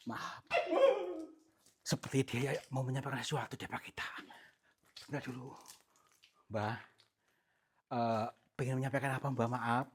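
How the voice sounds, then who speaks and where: A man leading a paranormal investigation, talking in a hushed, polite, pleading way, often whispering. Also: medium pitch, steady tone, normal speed, long pauses, slight background noise. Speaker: ghost-hunting vlogger.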